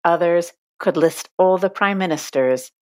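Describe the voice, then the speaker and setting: A woman reading scripted documentary narration with measured, deliberate phrasing. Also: lowish voice, darkish tone.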